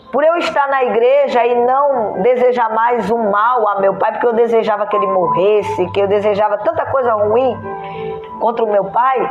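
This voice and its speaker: A woman pastor delivers a heartfelt testimony, moved and earnest, and acts out the conversations she recalls. The sound is muffled and lo-fi. Her voice rings around a roomy church, with soft music underneath. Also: on the high side. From Brazil. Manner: earnest storytelling, acting out remembered dialogue. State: moved, voice heavy with emotion. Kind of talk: emotional testimony sermon.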